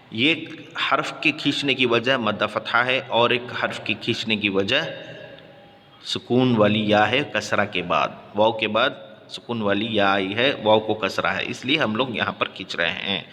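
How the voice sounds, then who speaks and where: A man leads a recitation lesson, chanting each letter and vowel sound in a drawn-out sing-song before rattling through the explanations. His voice is bright and forceful, and a long reverb trails behind it. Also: fairly low pitch. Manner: spells letters and vowels in a slow sung chant, then explains quickly. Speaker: Quran recitation teacher. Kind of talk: tajweed lesson with chanted spelling drills.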